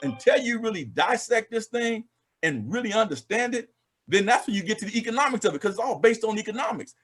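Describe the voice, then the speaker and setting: A man's voice: high voice, animated, quick pace, a bit bright, faint music behind. A man speaking as a panel guest, impassioned and emphatic, with many restarts. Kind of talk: online panel discussion.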